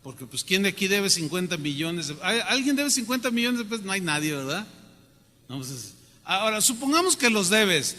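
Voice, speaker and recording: Guy preaching, bright high voice, keeps asking the crowd stuff, big echoey hall. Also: moderate pace. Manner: animated, asks the congregation questions. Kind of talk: sermon. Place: church hall. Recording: long hall reverb.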